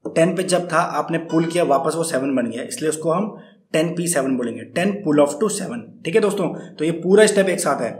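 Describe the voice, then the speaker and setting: A man's voice: fairly high pitch, brisk, a little hiss or hum. A man giving a casual guitar lesson, friendly and patient, counting strums aloud and checking in with his viewers after nearly every step. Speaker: guitar teacher. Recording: roomy, guitar playing along.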